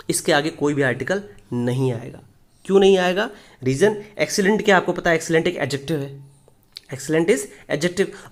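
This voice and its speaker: High-voiced man teaching grammar. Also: fairly bright tone. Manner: explains step by step, asks questions and answers them; reads English example sentences slowly and deliberately. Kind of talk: Hindi classroom lesson on English articles.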